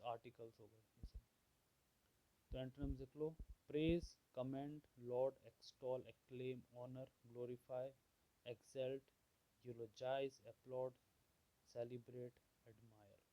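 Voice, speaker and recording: A man teaching vocabulary, explaining words and listing their opposites at a steady pace, often checking in with "theek hai". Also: mid-range voice, rough recording. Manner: slow and measured, repeats "theek hai" often. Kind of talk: explaining word meanings.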